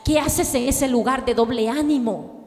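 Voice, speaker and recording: A woman pastor preaching a sermon with fervor, calling on the congregation to repeat after her and rising to shouts. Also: high-pitched, normal speed, big-room sound. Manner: fervent preaching, rising to shouts, call and response.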